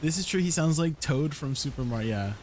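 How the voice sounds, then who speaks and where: A man's voice: a little high, lively intonation, a little fast, a little mellow, soft background music. A man live streaming, chatting casually with viewers, telling stories and reading their comments aloud.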